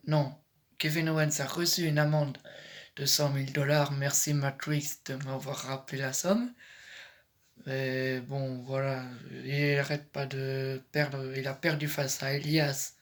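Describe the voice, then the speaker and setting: A man's voice: on the high side, fairly bright tone. Hesitant French man vlogging. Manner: hesitant, often corrects himself mid-sentence. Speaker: YouTuber giving predictions. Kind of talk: casual commentary vlog.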